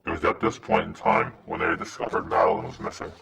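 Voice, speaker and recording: A man's deep, gravelly disguised voice. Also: sing-song, fast talker, a loud crowd. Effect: disguised voice, pitched down and gravelly. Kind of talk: anonymous scripted narration. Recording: noisy, distant-sounding recording.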